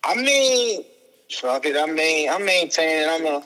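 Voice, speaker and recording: A thirty-year-old man, a guest on a casual podcast. His voice is bright and forceful and a little high for a man, and he talks in an easygoing, reflective, slangy way. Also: big pitch swings, measured pace, faint music behind, low-quality recording. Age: 30s.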